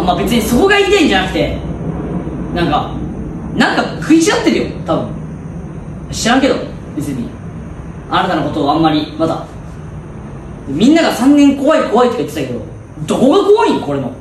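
A man's voice: high-pitched, slight background noise. A man acting a cheeky first-year student athlete who talks back with cocky mockery in a comedy sketch. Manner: cocky, mocking, drifting into Kansai-style speech. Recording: echoey room, mic from a distance.

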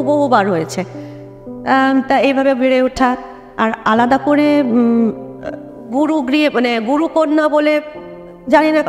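A middle-aged woman with a Bengali accent, reminiscing in a relaxed talk-show conversation with many hesitations and restarts. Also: on the high side, in a large hall. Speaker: guest dancer.

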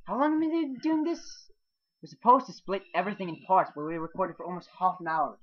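A man hosting a casual let's play, excitable, swearing and yelping when startled. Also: sits high, fast talker. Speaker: gaming channel host. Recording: dull lo-fi mic.

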